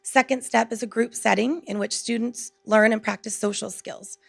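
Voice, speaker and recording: A woman, a teacher, reading a prepared public speech in an earnest, measured, articulate way. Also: a little high, fairly even intonation, creaky, slightly rough, dry recording. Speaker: teacher speaking at a school board meeting. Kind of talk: prepared speech read aloud.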